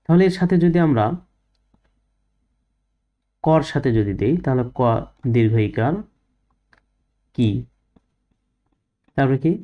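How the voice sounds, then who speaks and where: Male teacher for small kids, unhurried and patient, lo-fi sound. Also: medium pitch, animated. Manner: patient, asks questions then answers them himself. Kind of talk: first-grade Bengali reading lesson.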